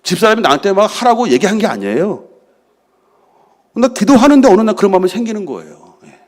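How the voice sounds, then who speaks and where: A man's voice: high voice, very animated, quick pace. A middle-aged man preaching a sermon as senior pastor, asking the congregation questions and answering them himself. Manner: drops to a soft hush for prayers he acts out.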